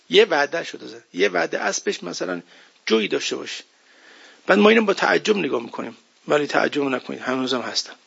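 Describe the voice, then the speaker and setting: A man's voice: on the high side, creaky, a bit bright, husky. A man giving a religious sermon in an emphatic, conversational way, often asking rhetorical questions. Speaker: preacher. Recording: dull lo-fi recording.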